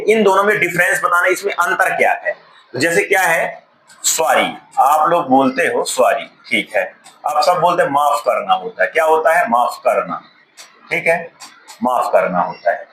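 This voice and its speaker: A man's voice: on the high side, expressive, moderate pace, bright, forceful tone. A man teaching a spoken English class, asking the class questions and repeating key words. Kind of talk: classroom lesson. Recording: echoey classroom with faint noise.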